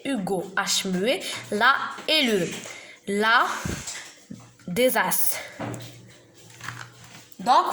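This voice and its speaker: A woman giving a beginners' reading lesson, spelling out letters and syllables slowly and deliberately. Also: fairly high pitch, fairly bright tone. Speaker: teacher. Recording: echoey room with faint noise.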